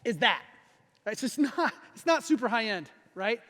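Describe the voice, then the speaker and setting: A man's voice: very high voice, expressive, moderate pace, bright, forceful tone. A man in his forties preaching a sermon as a pastor, casual and joking, acting out the people in the story. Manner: conversational, jokey, acts out voices of characters. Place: church sanctuary. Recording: echoey church hall.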